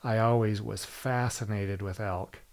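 A man's voice: lowish voice, fairly even intonation, unhurried, darkish tone. A man from Minnesota speaking as a guest in an easygoing, slightly hesitant way. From Minnesota, USA. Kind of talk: casual conversation.

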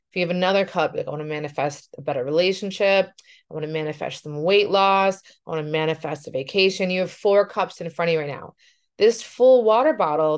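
A life coach, a woman with a low-pitched voice, delivers a casual podcast monologue. She talks earnestly and often checks in with "right?"

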